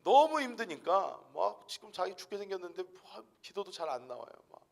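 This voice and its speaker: A male pastor preaching a sermon in a church, dramatic, dropping to whispers and rising to shouts. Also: sits high, very animated, brisk, creaky. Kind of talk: Friday night sermon.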